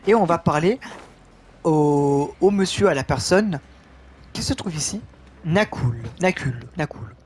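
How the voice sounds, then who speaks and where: A man's voice: high-pitched, darkish tone. A man casually commenting on a game walkthrough, correcting himself often, his voice getting tired. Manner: rambling, self-correcting, reads game text aloud. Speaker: gaming video host.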